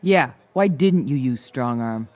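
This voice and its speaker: A man playing a gruff, blunt, impatient thief in a cartoon dub, speaking in clipped broken grammar. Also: medium pitch, expressive, measured pace, a little mellow, natural voice. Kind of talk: animated dub dialogue.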